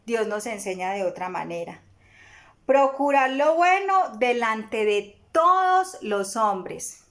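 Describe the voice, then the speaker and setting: A woman giving a church Bible lesson in a fairly high voice. She speaks slowly and deliberately, dwelling on each phrase. She is earnest and checks in with her listeners through rhetorical questions. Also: lively intonation, a bit bright. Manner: earnest, asks rhetorical questions, acts out everyday examples. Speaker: church teacher.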